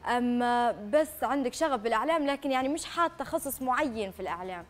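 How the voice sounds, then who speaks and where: A woman with a Libyan accent hosting a live morning talk show, speaking in a brisk and earnest way from a TV studio. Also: on the high side, animated.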